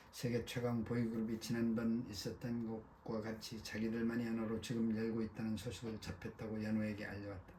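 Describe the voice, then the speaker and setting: A male audiobook narrator with a mellow, dark voice and very little pitch movement. He reads in a steady, even way over a faint hiss.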